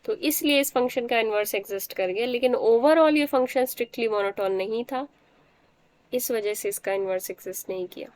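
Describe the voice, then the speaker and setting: Higher-voiced woman teaching math. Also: brisk, a little mellow. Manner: explains step by step, often checks understanding. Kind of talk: math lecture.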